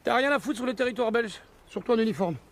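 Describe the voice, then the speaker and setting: An actor playing an aggressive, bigoted border customs officer in a film scene. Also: male voice, very high-pitched, quick pace.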